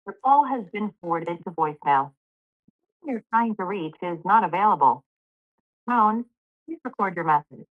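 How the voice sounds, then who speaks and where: Automated woman's voice over a landline phone. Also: mid-range voice. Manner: flat, measured prompts. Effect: heard over a landline phone. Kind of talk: automated system announcement. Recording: tinny phone line.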